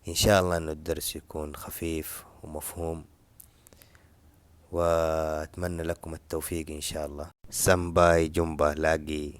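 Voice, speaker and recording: A man with a very low, deep voice gives a relaxed spoken language lesson. He explains patiently and says each example phrase several times. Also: brisk, clean tone. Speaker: language teacher.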